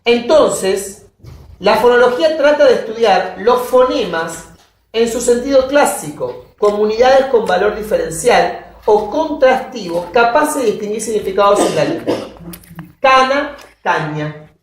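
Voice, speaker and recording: A woman giving a university lecture, often checking that her students follow with quick questions. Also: a little high, animated. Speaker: linguistics lecturer. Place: classroom. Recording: roomy classroom audio from a distance.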